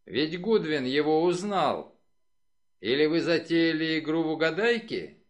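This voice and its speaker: A man reading an audiobook, voicing a short, brash male detective who speaks loudly and indignantly. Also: fairly high pitch, very animated, slow pace, pitched above the performer's own voice. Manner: loud, indignant.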